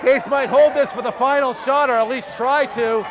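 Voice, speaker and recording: A man in his thirties doing play-by-play for a high school basketball game, excited and short of breath, shouting at the big plays. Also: moderate pace. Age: 30s. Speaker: play-by-play announcer. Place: school gymnasium. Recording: crowd noise in a gym. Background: loud cheering crowd.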